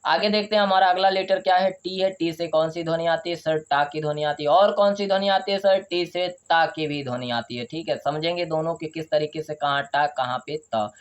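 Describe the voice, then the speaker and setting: A male teacher giving a video lesson on pronunciation. He asks a question, answers it himself, and spells letters out slowly before saying each word. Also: on the high side, steady tone, muffled recording. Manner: drills by asking questions and answering them himself. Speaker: English teacher.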